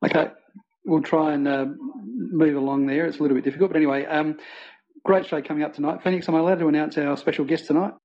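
A man's voice: on the high side, fairly even intonation, quick pace, muffled recording. A man with an Australian accent hosting a casual fan podcast, rambling with plenty of ums and uhs. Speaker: podcast host.

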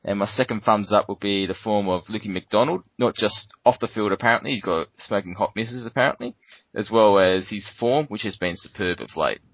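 A man's voice: on the low side, fairly quick, dry recording, muffled recording. An Australian man hosting a fan sports panel podcast. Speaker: podcast host.

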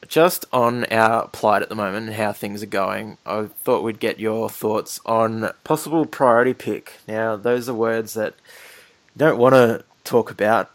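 A man's voice: on the low side, dry recording. An Australian man hosting a casual sports discussion. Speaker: sports podcast host.

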